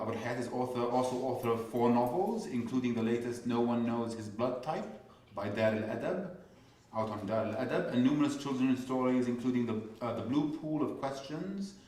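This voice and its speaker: A man introduces the guests at a poetry reading, working through his notes haltingly with plenty of fillers and restarts. His voice sits at an ordinary middle pitch. He sounds well back from the mic, in a room with a lot of echo. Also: darkish tone. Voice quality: hesitant, halting delivery. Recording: echoey room, far from the mic.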